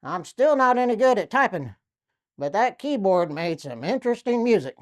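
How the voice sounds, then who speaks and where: Lively woman telling dad jokes. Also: mid-range voice, normal speed. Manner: lively storytelling with acted quotes. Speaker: comedian. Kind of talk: telling silly jokes and stories.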